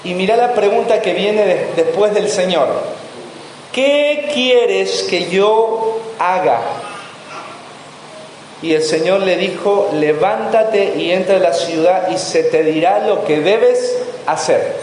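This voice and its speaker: A man's voice: high-pitched, unhurried, hardly any pauses, a little mellow. A man preaching a sermon as pastor, asking the congregation rhetorical questions. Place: church hall. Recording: echoey church hall with faint room noise.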